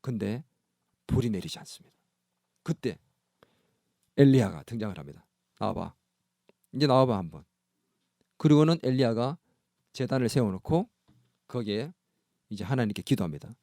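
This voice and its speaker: Animated man preaching a sermon. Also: mid-range voice, moderate pace, long pauses, no room sound, studio quality. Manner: animated storytelling, dramatic swings. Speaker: pastor. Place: church.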